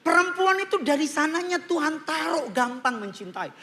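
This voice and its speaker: A man preaching a humorous, animated sermon to a congregation in church, slipping English phrases into his talk. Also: very high voice, normal speed. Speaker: pastor.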